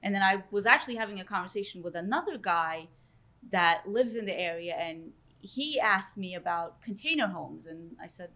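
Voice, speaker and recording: Bright-voiced woman from Turkey, earnest. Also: medium pitch, lively intonation, normal speed. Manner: earnest, emotional storytelling. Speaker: real estate agent, guest. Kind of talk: casual podcast interview.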